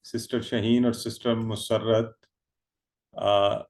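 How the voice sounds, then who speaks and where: A man's voice: fairly low pitch, level tone, a little mellow. Man teaching grammar over a call. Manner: drills verb forms by repetition and calls on students by name. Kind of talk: online Arabic grammar lesson.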